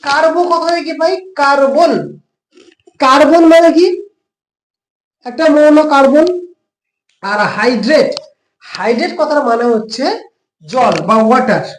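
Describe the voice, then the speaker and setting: Male tutor, West Bengal accent, high voice, patient step-by-step teacher, echoey room. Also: unhurried, pauses often, a little hiss or hum. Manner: explains step by step with frequent rhetorical questions. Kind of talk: classroom lesson explanation.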